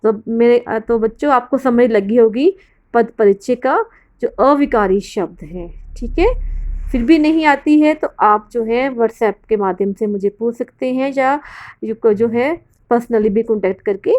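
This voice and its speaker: A woman's voice: fairly high pitch, measured pace, darkish tone. A woman teacher explaining grammar to her students in a recorded lesson, patient and explanatory, often asking questions and answering them herself. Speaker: school Hindi teacher.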